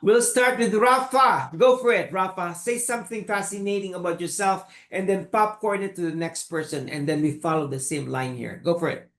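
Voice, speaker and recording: A man hosting an online student panel, speaking slowly with repeated prompts and encouragement. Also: high-pitched, a bit bright. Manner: slow, repetitive, encouraging. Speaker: host.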